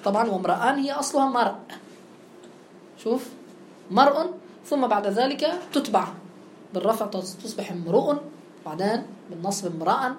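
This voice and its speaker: A woman teaching a grammar lesson. She keeps checking understanding with quick questions and affirmations. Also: fairly high pitch, lively intonation, echoey room, a little hiss or hum.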